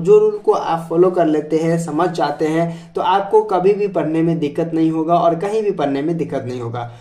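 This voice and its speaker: A man's voice: a little high, a little mellow. A man teaching pronunciation to students in a voice-over lesson, speaking, patiently repeating each point and spelling words out letter by letter. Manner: patient, repeats each point with "theek hai" and quiz-like questions.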